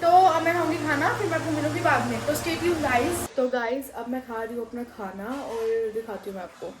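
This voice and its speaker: In a casual home vlog shot in her family's kitchen and rooftop, a young woman with a sore throat talks a little fast in a high voice. Chatty and switching between Hindi and English, she calls her viewers "guys." The audio is reverberant with background noise.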